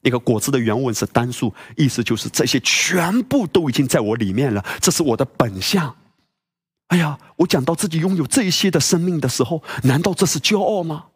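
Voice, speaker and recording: A man's voice: a little high, animated, a little fast, slightly rough. A male pastor preaching a sermon, emphatic and full of rhetorical questions and exclamations.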